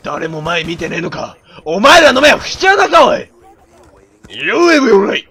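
A man commentates his shooter game in a loud, theatrical voice, barking rough orders at his squad like a self-appointed commander. His voice sits high and bright, leaps wildly up and down, and turns gravelly at the low end. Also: big pitch swings, moderate pace. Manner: loud, theatrical, bossy mock-commander banter; frequent shouting and rough slang. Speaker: gaming commentator.

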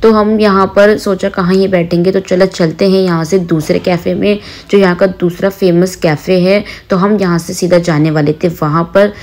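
A woman's voice: fairly low pitch, fairly even intonation, moderate pace, few pauses, darkish tone. A young woman narrating her travel and food vlog in a chatty, descriptive voice-over. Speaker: vlogger.

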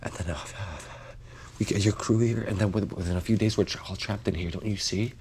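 A man's voice: lowish voice, steady tone, fairly quick, a little mellow, lightly acted. An actor playing a trapped, defensive, frightened man, stammering and repeating himself in panic in a found-footage horror film. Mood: agitated, explaining. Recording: noisy handheld found-footage audio.

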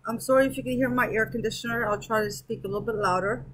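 A woman's voice: a little high, fairly even intonation, fast talker, a bit bright, breathy edge, poor audio. A woman hosting her own crochet channel, chatting casually through a yarn review and thinking aloud as she stitches and counts at home. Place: at home with an air conditioner running.

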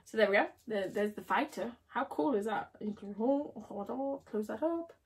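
A woman's voice: a little high, expressive, moderate pace. A woman livestreaming casually, chatting and giggling with viewers while she builds. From United Kingdom.

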